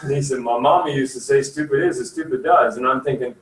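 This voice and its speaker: This attorney in his sixties talks quickly in a mid-range voice, keeping things chatty and folksy with lots of filler words. The career services office room is echoey, the mic sits far away, and a faint hiss runs underneath.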